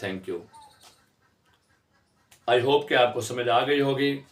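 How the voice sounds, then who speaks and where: A man gives a classroom lesson on syllables at an unhurried pace. He sounds each example word out slowly for learners. His mid-range voice rings in an echoey room. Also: mid-range voice. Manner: slow, drawn-out word-by-word pronunciation drills. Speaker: English teacher.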